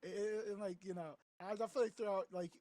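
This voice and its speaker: A young man with a high voice, stammering and restarting as he thinks out loud on a casual podcast. The sound is close and dry. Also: fairly even intonation, fairly quick, no echo. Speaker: podcast co-host.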